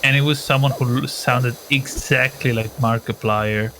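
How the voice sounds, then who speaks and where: A man's voice: mid-range voice, steady tone, normal speed, background noise. A man chatting casually and joking around, swearing now and then. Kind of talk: casual chat.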